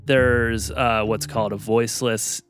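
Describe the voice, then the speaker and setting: A man's voice: medium pitch, flat delivery, measured pace. Male podcast host, playful explainer, mid-range voice, faint music bed.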